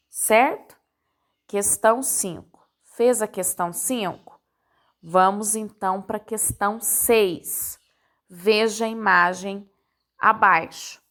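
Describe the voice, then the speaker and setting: A woman's voice: on the high side, a bit bright. A woman teacher with a Brazilian accent, patiently walking parents through a worksheet step by step and checking in often. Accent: Brazilian Portuguese. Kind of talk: recorded lesson for parents.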